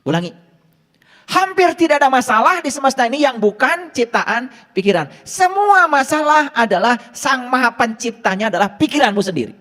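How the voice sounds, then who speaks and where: A male preacher gives a casual sermon, pressing his listeners with rhetorical questions. His high voice swings widely in pitch. A long hall reverb trails behind every phrase. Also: fairly quick. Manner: rhetorical questions, lively teaching.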